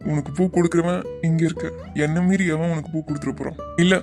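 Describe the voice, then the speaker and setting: A man voicing a young male lover in a cartoon, speaking in a calm, steady, reassuring way. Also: fairly high pitch, fast talker, soft background music, lightly acted. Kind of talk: cartoon voice acting.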